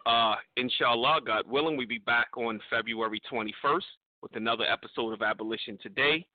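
A man hosting a radio show, thanking sponsors and callers in a relaxed way with many fillers. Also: medium pitch, fairly quick, no echo, phone-quality sound. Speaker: radio host.

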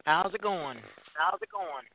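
An American man hosting a casual live internet radio talk show in a halting, informal way. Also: a little high. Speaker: wrestling talk show host. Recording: muffled phone-like line with echoed doubling.

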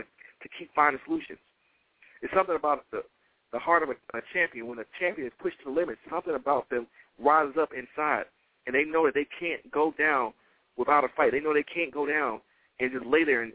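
A man delivers a motivational sermon over a thin, phone-like line with very little room sound. His voice sits a little high, and he speaks with fervent emphasis. He hammers key phrases home by repeating them like a preacher. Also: fast, no echo.

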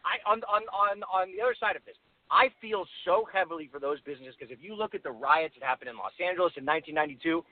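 A man's voice: a little high, no echo. A man calling in to a radio show, reasoning out his argument with frequent "right?" asides. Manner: reasoned, measured arguing with many "right?" asides. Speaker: caller. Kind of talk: call-in debate. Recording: dry, tinny phone line.

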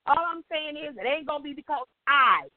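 An older woman leading an informal Bible study, a chatty, animated storyteller who acts out dialogue and keeps checking in with her listeners. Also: high voice, fairly quick. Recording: tinny phone-line audio, dry.

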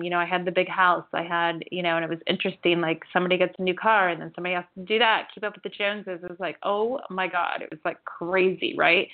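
A woman in her forties giving a chatty, rambling spiritual forecast as a psychic reader, with lots of "you know" and "like". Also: mid-range voice. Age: 40s. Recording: tinny phone-like audio.

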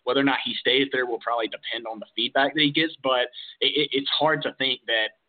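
A man's voice: mid-range voice, fairly even intonation, fast. Stat-heavy man on a tinny line. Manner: stat-heavy, analytical, with frequent "uh" fillers. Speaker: podcast co-host. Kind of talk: casual sports talk podcast.

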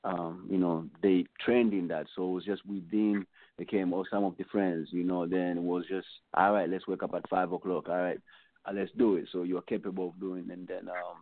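A man's voice: low-pitched, little pitch movement, normal speed, dry recording. A man, a musician guest answering interview questions in a meandering, reflective way. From Tanzania. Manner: meandering, reflective, many filler phrases. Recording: tinny phone line, dry.

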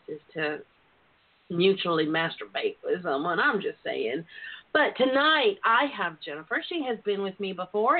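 A woman hosting a bawdy, casual radio talk show in a frank, profane, effusive way, with drawn-out greetings and terms of endearment. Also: medium pitch. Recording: phone-like, narrow-band internet radio line.

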